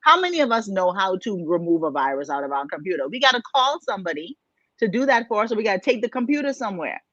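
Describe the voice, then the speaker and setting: A woman's voice: medium pitch, very animated, fast talker, fairly bright tone, no room sound. A woman from the Bahamas, a life coach co-hosting a motivational podcast, speaking emphatically with many rhetorical questions. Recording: dull, dry, lo-fi sound.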